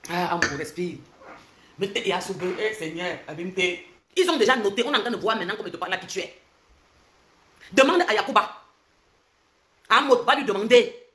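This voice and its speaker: A woman delivers a heated rant in a social media livestream. Her voice sits at an ordinary mid pitch for a woman. She talks in a confrontational way and keeps firing questions at her target. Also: expressive, fairly bright tone. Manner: angry, confrontational, rapid-fire questions.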